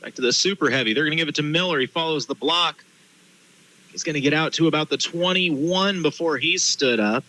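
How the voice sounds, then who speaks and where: A man calling play-by-play in live high school football commentary. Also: brisk, pushed and bright, poor audio. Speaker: play-by-play announcer.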